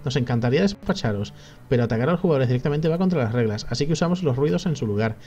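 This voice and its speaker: A man's voice: medium pitch, lively intonation, racing, a little mellow, lightly acted. A man reading as a smug mocking reaper. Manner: taunting, sarcastic. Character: smug mocking male reaper, young adult. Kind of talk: reading game dialogue aloud.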